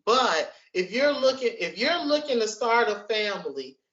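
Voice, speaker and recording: A frank woman in her forties co-hosts a casual podcast, talking conversationally and repeating words as she thinks. Her voice sits on the high side, a bit bright, with big pitch swings and a moderate pace, captured in lo-fi, echoey room audio.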